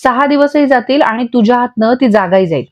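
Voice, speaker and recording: A woman's voice: on the high side, expressive, fairly quick, a little mellow, close to an everyday voice. A woman doing a defiant, scornful man. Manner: cutting, scornful comebacks. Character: defiant angry man, sharp-tongued and scornful. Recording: dull lo-fi audio.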